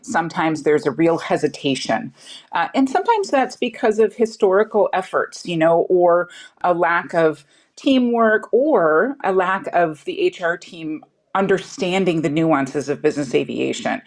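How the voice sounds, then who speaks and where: Woman, low voice, confident, explanatory, interview guest. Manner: confident, explanatory, uses examples. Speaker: guest panelist. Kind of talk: conversational interview answer.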